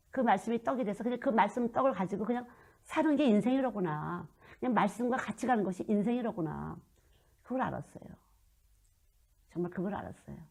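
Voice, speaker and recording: A woman in her fifties preaching a sermon and telling stories from her own life, moving between loud emphasis and hushed asides. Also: medium pitch, creaky, slightly rough. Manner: storytelling, swings from loud to hushed. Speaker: children's missionary preacher.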